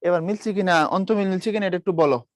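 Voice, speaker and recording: Speaking fast in a high voice, this young man runs an online class, going over key points again and putting questions to students. The recording is dry, and his patient explanations are sprinkled with English terms.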